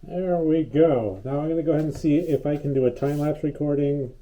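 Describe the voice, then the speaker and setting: A man's voice: a little high, brisk. Muffled man talking through a respirator mask. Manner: relaxed and rambling, with frequent fillers. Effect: muffled as if through a wall, speaking through a respirator mask. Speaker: DIY hobbyist demonstrating a paint finish. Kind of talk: casual how-to narration.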